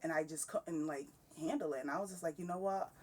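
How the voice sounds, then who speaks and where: A woman in her thirties with a slightly low voice talks candidly and with energy, laughing often. She sits at some distance from the microphone. A faint hiss of room noise runs underneath. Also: fast talker, a little mellow. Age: 30s. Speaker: podcast guest. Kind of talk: casual conversation.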